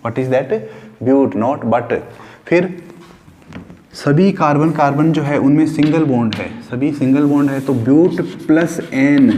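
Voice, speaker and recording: A male chemistry teacher giving a lesson in a casual classroom style. He asks questions and answers them himself, mixes in English terms, and repeats key words slowly. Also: mid-range voice, a little mellow, a little hiss or hum.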